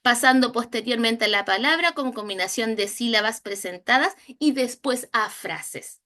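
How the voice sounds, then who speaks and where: A Chilean woman teaching a recorded training lesson on early reading, slowly sounding out letters and syllables. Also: fairly high pitch, pushed and bright. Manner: slow, drawn-out modeling of sounds and syllables. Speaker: instructor.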